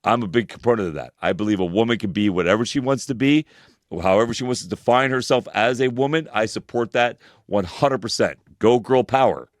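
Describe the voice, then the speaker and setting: A deep-voiced man in his 40s co-hosts a casual podcast chat, speaking emphatically and fairly quickly with heavy swearing and a preachy tone. The sound is clean studio audio with no room sound.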